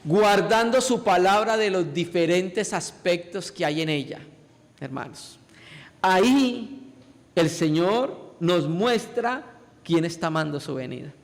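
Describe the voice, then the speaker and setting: A man preaching with an insistent, pleading delivery, his voice pitched high with a gravelly fry. His words ring out with a long reverb through a church hall. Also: lively intonation, slow. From Colombia. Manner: emphatic, repeatedly addresses listeners as brothers. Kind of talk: sermon.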